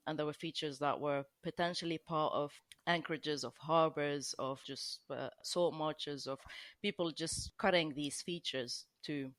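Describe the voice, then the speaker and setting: A woman's voice: deep voice, fairly even intonation, measured pace, no room sound. A woman from Lebanon, a guest on a podcast, explaining at length with frequent restarts and "you know". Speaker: guest archaeologist. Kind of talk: podcast conversation.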